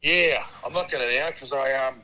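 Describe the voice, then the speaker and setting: A man's voice: mid-range voice, brisk, pushed and bright, low-quality recording. A man, heard over a speakerphone call, chatting in a laddish, joking way as a phone guest. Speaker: phone guest, former footballer. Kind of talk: casual phone chat.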